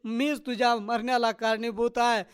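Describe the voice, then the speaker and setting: A man's voice: very high voice, flat delivery, normal speed, clear, resonant tone, pitched above the performer's own voice. A man voicing a wailing village mother in grief. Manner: keening, loud lament.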